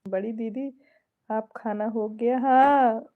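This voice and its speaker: Chatting casually on her live stream, a folk singer from the Awadh region reads viewer comments aloud in Awadhi-tinged Hindi, chuckles frequently and swaps devotional greetings. She takes it slowly, with fairly even intonation, in a fairly high, narrow voice. The audio sounds tinny.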